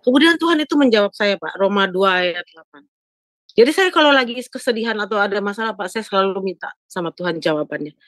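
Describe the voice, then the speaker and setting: Speaking quickly and expressively at a medium pitch, this older woman casually tells a pastor about something from her own life. She's a caller who keeps seeking his agreement, sprinkling "Pak, ya" throughout. There's no room sound.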